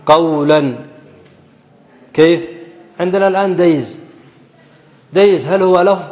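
A man teaching a classical grammar text to a class, often asking his students questions and slowly repeating key phrases. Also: on the high side, darkish tone. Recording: dull audio with long hall reverb.

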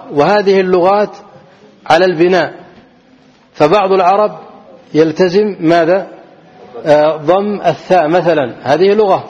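A man's voice: high voice, a little mellow. A man teaching an Arabic grammar lesson who keeps asking his students questions, answers them himself and repeats the key words. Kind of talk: classroom grammar lesson with call-and-response questions. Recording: dull lo-fi recording.

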